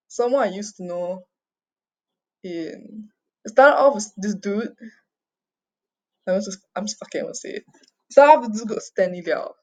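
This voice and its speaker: A young adult woman from Singapore, raised mostly overseas, vlogs an unscripted personal confession, sounding agitated and distressed. She is halting, repetitive and sweary, often tagging phrases with "okay?". Her voice is mid-range with a darkish tone, captured in a dull lo-fi home recording.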